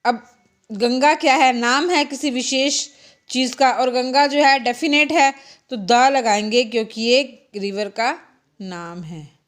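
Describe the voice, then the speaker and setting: A woman teaching English grammar to children in Hindi. She reads English example sentences slowly, explains them, and asks questions that she answers herself. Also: on the high side. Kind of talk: bilingual classroom grammar lesson.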